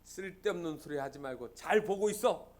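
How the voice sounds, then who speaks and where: A pastor voicing a gruff, impatient father who scolds his son in a sermon story. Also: fairly high pitch, expressive, moderate pace, close to an everyday voice. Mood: gruff low.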